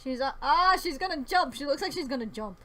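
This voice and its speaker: A woman's voice: high voice, animated, fairly quick, bright, forceful tone. A woman co-hosting a casual game stream, giggling and reading the game text aloud. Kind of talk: casual let's-play chat. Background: game music.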